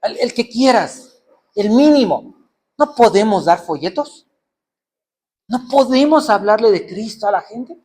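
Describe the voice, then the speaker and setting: A middle-aged preacher man with a notably high voice. He preaches by firing rhetorical questions at his listeners. He slips into mock voices to act out their excuses. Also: lively intonation, a little slow, pauses often, darkish tone. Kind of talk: sermon.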